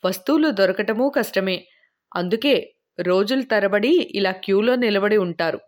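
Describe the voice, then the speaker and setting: Storybook male traveler who explains things plainly, read by a woman in her own voice, mid pitch. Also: moderate pace, close to an everyday voice. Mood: matter-of-fact. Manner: explanatory, matter-of-fact. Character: chatty man explaining life abroad. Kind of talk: audiobook character reading.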